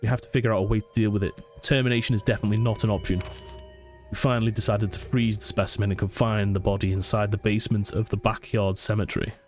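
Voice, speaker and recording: A let's play gamer with a cold speaks in a sniffly, fairly low, darkish voice with a flat delivery. He casually commentates a horror game, thinking aloud and slowly reading its notes, with faint game music behind him.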